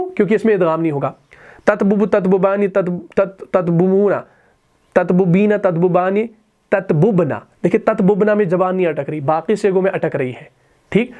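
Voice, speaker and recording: A man teaching Arabic verb conjugation, reciting each word form slowly and then explaining it in plain terms. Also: high-pitched, darkish tone. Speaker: Quran and Arabic grammar teacher.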